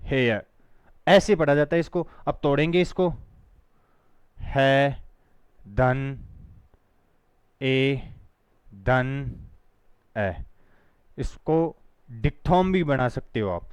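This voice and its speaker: A man's voice: mid-range voice, lively intonation, clear, resonant tone, no echo. A man teaching an online phonetics lesson, spelling words out letter by letter and firmly urging students to repeat after him. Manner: drills words slowly, spelling them out letter by letter; firm, teacherly, urges students to repeat along. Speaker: spoken English teacher.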